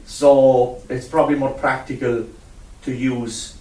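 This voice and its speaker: A man's voice: medium pitch, little pitch movement, takes it slowly, dark tone. A man teaching a one-on-one music lesson, patient, repeating himself and counting out rhythms. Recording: roomy sound from a distant mic.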